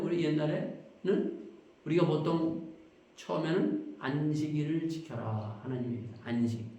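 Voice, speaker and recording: A male pastor preaching a sermon, asking the congregation questions and swinging from quiet explanation to loud emphatic bursts. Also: on the high side. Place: church sanctuary. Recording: very echoey church hall.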